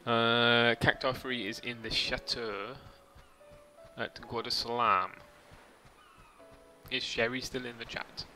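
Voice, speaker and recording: A man's voice: medium pitch, flat delivery, slow, pauses often, sharp tone, soft background music. A man casually rambling through a game stream, chatting to viewers with mild swearing. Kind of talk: casual gameplay commentary.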